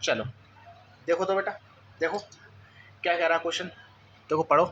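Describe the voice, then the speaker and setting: A man coaching class ten students in physics, his fairly high voice carrying a frequent "okay?" as he checks that they follow. He reads English textbook lines slowly and deliberately, with an Indian English accent. The recording is slightly dull, with a faint hum behind him. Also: steady tone, a bit bright. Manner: addresses students as beta, repeats "theek hai" often; asks students rhetorical check questions. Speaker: physics tutor. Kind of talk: board-exam coaching lesson.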